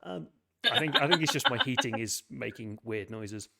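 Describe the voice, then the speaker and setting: A man with a gravelly, creaky voice narrating as game master. He describes the scene calmly and plainly, at an ordinary pitch for a man. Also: moderate pace, a crowd in the background.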